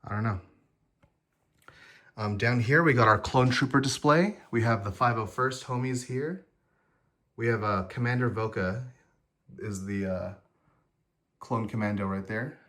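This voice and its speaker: A man casually walking through his collectible figure displays, chatty and rambling, often pausing with ums and correcting himself. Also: lowish voice, fairly bright tone. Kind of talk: casual vlog walkthrough.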